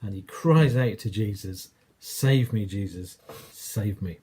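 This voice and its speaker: A man's voice: lowish voice, takes it slowly, dark tone, husky. A man with an English accent preaching a sermon, telling a story in a conversational way and acting out quoted lines.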